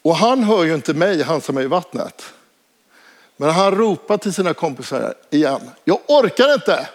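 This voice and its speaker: A man's voice: a little high, expressive. Hesitant man telling a personal story. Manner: hesitant, many filler sounds. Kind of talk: casual spoken personal anecdote.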